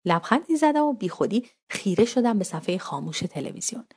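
A woman's voice: mid-range voice, very animated, a little mellow, slightly rough. A woman narrating a first-person story in casual spoken language, wry and conversational.

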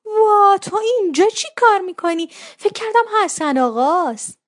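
A woman voicing a bossy older mother in a spoken story, brisk and scolding. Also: fairly high pitch, sing-song. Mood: startled.

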